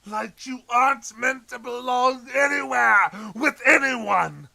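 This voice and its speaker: A man playing the Joker as an unhinged, anguished and menacing clown villain in an audio drama, theatrical, swinging between hushed brooding and shouting. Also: very high-pitched, slow pace, vocal fry, exaggerated voice. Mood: anguished rage.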